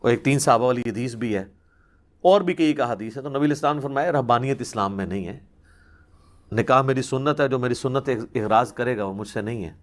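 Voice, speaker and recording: A man answering religious questions in a conversational, explanatory way, patiently working through examples. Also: mid-range voice. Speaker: Islamic scholar answering questions.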